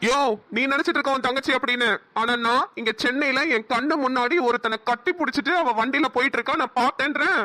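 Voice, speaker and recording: A woman's voice: sits high, quick pace, few pauses, sharp tone. A woman with a Namakkal Tamil accent voicing an arrogant young male police officer who talks with scorn and threats in a cartoon. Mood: contemptuous. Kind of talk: cartoon voice acting.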